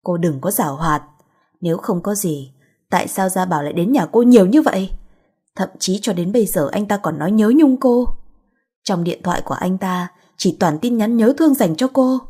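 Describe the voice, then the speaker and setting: A woman's voice: mid-range voice, animated, moderate pace, dark tone, slightly rough. A woman voicing a spoiled, distraught young pregnant wife who accuses and wails. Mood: accusing. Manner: accusing, wailing.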